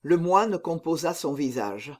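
Casting: male audiobook narrator, high voice, slow and measured. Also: lively intonation. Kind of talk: literary reading.

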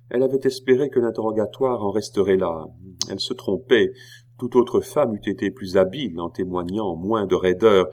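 Deep-voiced man narrating a novel. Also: darkish tone. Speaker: audiobook narrator. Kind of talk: literary audiobook narration.

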